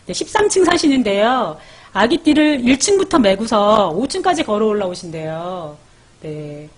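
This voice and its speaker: A woman's voice: medium pitch, big pitch swings, moderate pace. A woman hosting a live parenting stream, chatting casually as she reads viewer comments, calls out their names and gives baby sleep tips.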